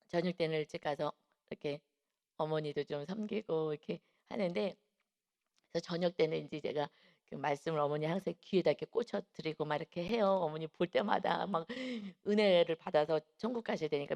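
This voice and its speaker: A middle-aged woman preaching at a dawn service in a conversational way. She tells personal stories, acts out other people's words, and often clears her throat. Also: fairly low pitch, a little mellow. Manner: chatty storytelling, acts out quoted voices, frequent throat clearing. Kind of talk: conversational sermon with personal anecdotes.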